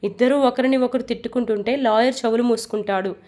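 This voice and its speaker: A woman narrating a romance storybook in a plain, steady reading voice. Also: a little high, fast talker.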